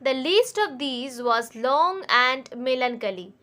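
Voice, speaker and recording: A woman teacher with an Indian English accent, reading a story aloud to a class in an expressive, measured way. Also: high voice.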